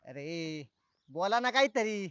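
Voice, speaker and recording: An actor playing an impatient man who shouts and demands answers. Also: high voice, sing-song, takes it slowly, smooth, full character voice. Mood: irritated. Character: impatient man stopped on the road, irritable. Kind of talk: comic web film acting. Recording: dull, dry film sound.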